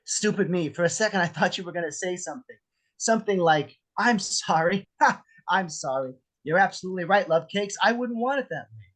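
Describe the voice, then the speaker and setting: A menacing, jealous husband with a gun, acted by a man at a script read. He is sarcastic and foul-mouthed, with theatrical, very animated swings in pitch. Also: fairly quick. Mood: bitterly sarcastic. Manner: theatrical, mocking, profane. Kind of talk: table read of a film script. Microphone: video call.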